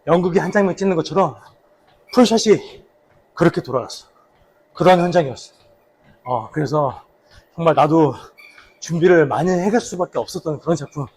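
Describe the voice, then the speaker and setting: A man with a slightly husky voice casually reminiscing for a vlog while out slow running. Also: a little high, a little mellow. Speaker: actor, vlog host. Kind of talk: casual vlog reminiscing about a past drama role.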